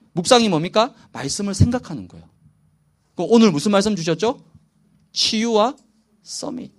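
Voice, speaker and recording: Lively, animated Korean pastor. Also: male voice. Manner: asks the audience questions and answers them himself; lively, animated rises and drops in pitch. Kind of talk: church new-member training talk.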